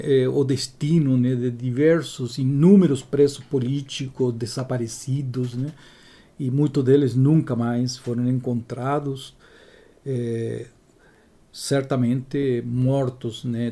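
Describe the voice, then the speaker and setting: A man in his sixties from Chile, telling his life story as an interview guest in a measured way, often adding tag questions. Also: medium pitch, steady tone, warm tone. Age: 60s.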